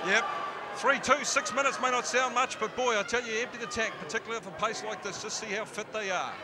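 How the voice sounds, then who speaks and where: A man with a New Zealand accent giving excitable, punchy live boxing commentary. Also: high-pitched, quick pace. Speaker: fight commentator. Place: large indoor arena. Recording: loud crowd and arena noise.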